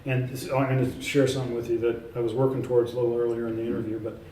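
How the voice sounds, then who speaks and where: Rambling man, mellow voice, echoey room. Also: mid-range voice, little pitch movement, racing, a little hiss or hum. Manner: rambling, many fillers and restarts; emphatic, self-assured. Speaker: author and researcher, interview guest. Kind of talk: casual in-person interview. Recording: echoey room, speaker far from mic, faint ambience.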